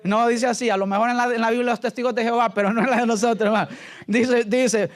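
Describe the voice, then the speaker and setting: A man's voice: very high-pitched, fairly even intonation, quick pace. A male pastor leading a conversational Bible study, joking and constantly checking in with his listeners. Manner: joking, keeps asking the congregation "¿verdad?" and "¿aló?".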